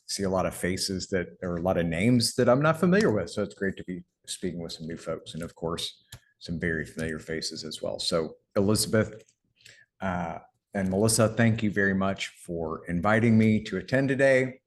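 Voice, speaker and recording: Man, very deep voice, webinar presenter, computer mic, conversational, self-correcting. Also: moderate pace, slight background noise. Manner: conversational, self-correcting, trails off at phrase ends. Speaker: guest speaker on clinic billing. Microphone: computer mic on a video call.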